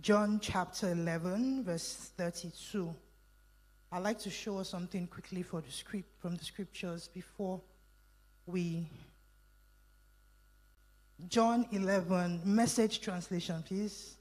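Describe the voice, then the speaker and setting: A woman's voice: lowish voice, fairly even intonation, slow pace, long pauses, a little mellow, rough recording. A woman speaker giving an interactive Bible teaching talk at a meeting, reading verses aloud, explaining them and quizzing the audience with call-and-response questions.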